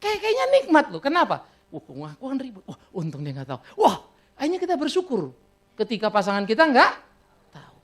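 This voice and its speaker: A man's voice: extremely high pitch, huge pitch swings, a little fast, fairly bright tone. A middle-aged man with a Batak accent preaching a sermon, telling stories and teasing his congregation. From Indonesia. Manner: storytelling, teasing the congregation, breaks into laughter. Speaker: pastor.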